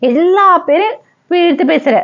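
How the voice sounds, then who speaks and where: A woman's voice: very high-pitched, animated, moderate pace, highs cut off. A woman playing a young woman who angrily breaks up with her boyfriend on the phone in a comedy skit, scolding and repeating herself. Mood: angry scolding.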